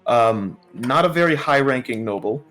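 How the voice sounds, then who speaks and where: A man's voice: medium pitch, lively intonation, normal speed, a bit bright, soft background music. A man narrating a tabletop game as dungeon master, casual and loose, often restarting his sentences. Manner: casual, many fillers and restarts.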